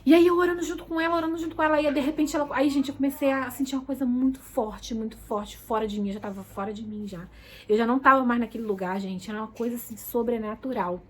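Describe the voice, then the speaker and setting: A high-pitched woman speaks straight to her viewers in a casual, heartfelt testimony. She repeats herself and keeps calling out to her audience. By her own account she is shy and soft-spoken. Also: fairly even intonation, quick pace, poor audio. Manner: emotional, repetitive, addresses viewers as "gente". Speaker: vlogger giving a religious testimony. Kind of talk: casual personal testimony to camera.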